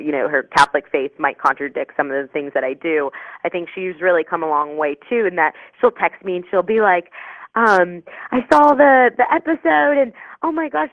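Over a dry, tinny phone connection without echo, a deep-voiced psychic medium in her twenties guests on a radio show. Her talk is bubbly and meandering, packed with filler words.

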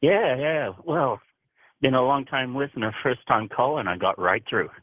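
A man's voice: medium pitch, moderate pace, dry recording. A man from Canada calling in to a radio show and earnestly telling a personal story. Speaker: caller. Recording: husky voice over a phone line.

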